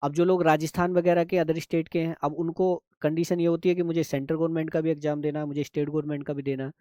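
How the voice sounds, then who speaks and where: Patient shorthand teacher, dry close sound. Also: male voice, on the high side, flat delivery, fast talker, dark tone, dry recording, dull audio. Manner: patient, repeats steps, checks if students understand. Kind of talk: live online class.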